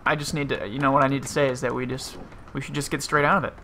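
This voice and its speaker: This gaming video host has a medium-pitched, gravelly voice with a sharp edge and little pitch movement, and he talks rapid-fire. His let's-play commentary is rambling and casual, full of self-interruptions, set against video game music and sounds.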